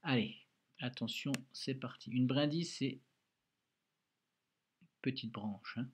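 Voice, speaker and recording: Patient husky male teacher. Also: medium pitch, takes it slowly. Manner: patient, encouraging, talks through each stroke aloud. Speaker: primary school teacher. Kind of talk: recorded handwriting lesson for a child.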